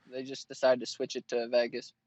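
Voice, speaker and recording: A man's voice: mid-range voice, monotone, brisk, a little mellow, no room sound. A man in his twenties, a fighter being interviewed, answering bluntly and with plenty of swearing. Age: 20s. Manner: blunt and profane.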